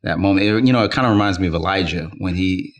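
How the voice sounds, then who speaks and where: A man hosting a faith interview, a gentle, encouraging listener who quotes scripture. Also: low-pitched, fast. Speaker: host.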